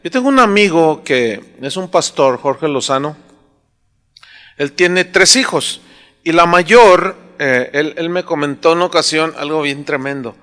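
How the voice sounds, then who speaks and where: Male pastor, Mexican accent, earnest sermon, slightly high voice, long hall reverb. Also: lively intonation, measured pace, fairly bright tone. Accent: Mexican Spanish. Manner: earnest preaching, reads verses, tells stories with fillers.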